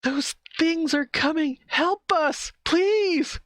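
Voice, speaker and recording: A man's voice: very high-pitched, takes it slowly, a bit bright, no room sound, voice pushed up, full character voice. A man voicing a panicked woman survivor who cries out and pleads for help while fleeing. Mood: desperate.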